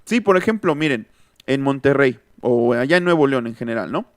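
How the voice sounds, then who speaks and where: A man with a Mexican accent gives an online linguistics lesson, thinking aloud and stopping to read out and answer students' comments. His voice is smooth and resonant. It is recorded close and dry, with no room sound. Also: medium pitch, animated, brisk, no room sound. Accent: Mexican Spanish. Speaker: linguistics teacher. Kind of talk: online lecture. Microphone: close mic, online class.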